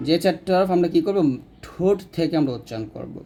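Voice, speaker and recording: Mellow-voiced man teaching recitation. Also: a little high, lively intonation, soft background music. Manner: slowly drawn-out demonstration syllables between explanations. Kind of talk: step-by-step pronunciation lesson.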